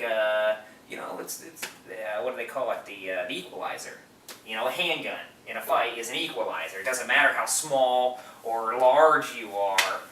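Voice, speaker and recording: This movie podcast co-host has a lowish, bright voice and a forceful delivery, rambling eagerly through explanations in a relaxed film discussion. The distant mic picks up a roomy echo and faint noise.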